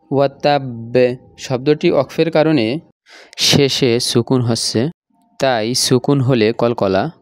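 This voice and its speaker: A man teaches the rules of Quran recitation in a slow, deliberate voice. He explains step by step and repeats each example patiently. The sound is dry and close, with no room echo. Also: medium pitch, darkish tone, clear, resonant tone. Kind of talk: tajweed lesson.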